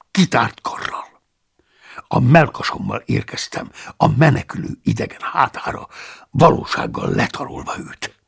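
A man narrates a first-person audiobook with a very gravelly, husky voice. His pitch sits fairly high and moves in lively swings as he reads.

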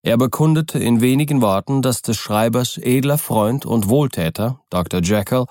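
A man narrating a classic novel as an audiobook, calm and even. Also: mid-range voice, normal speed, no echo, clean studio sound. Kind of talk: scripted literary narration.

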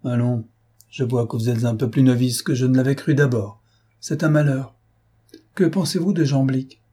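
A man's voice: mid-range voice, fairly even intonation, normal speed, dark tone, husky, lightly acted. A man voicing a brusque, self-important older male philosopher who talks in an impatient, lecturing way.

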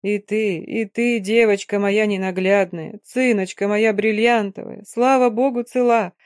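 A woman voicing an old Romani nomad woman, loud, scolding and emphatic, in an audiobook. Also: medium pitch, fairly even intonation, a little slow, no room sound, studio quality, natural voice. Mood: fierce.

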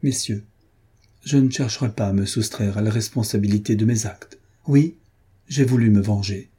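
A man's voice: fairly low pitch, normal speed, warm tone, husky. A man reading aloud voices a remorseful young woman who pleads earnestly and with feeling. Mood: earnest pleading. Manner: emotional, imploring.

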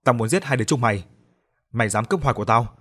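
A man's voice: medium pitch, lively intonation, rapid-fire, fairly bright tone, slightly rough. Sneering jealous female villain, menacing , read by a male narrator. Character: jealous, cruel young woman villain.

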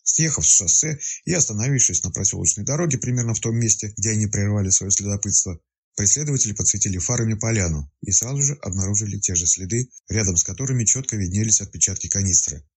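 Husky male storyteller. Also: lowish voice, fast. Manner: expressive storytelling. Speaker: narrator. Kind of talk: audiobook narration.

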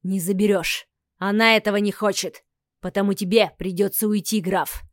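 A grim, protective man growls his threats low and firm, as a woman narrating puts him on. The sound is dry and close, as in an audiobook. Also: steady tone, normal speed, dry recording, lightly acted. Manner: menacing, firm. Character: stern, protective half-blood man.

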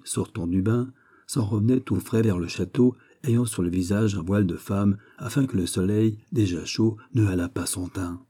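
A man narrating a classic novel as an audiobook, in a measured, literary reading. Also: on the low side, mellow, breathy edge.

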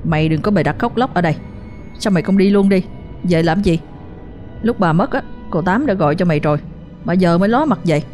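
A bullying older brother, voiced by a woman storyteller with a Southern Vietnamese accent, snapping out quick, harsh scolding in a low, mellow register. Soft music plays underneath. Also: animated, close to an everyday voice. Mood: furious. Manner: scolding fast and loud.

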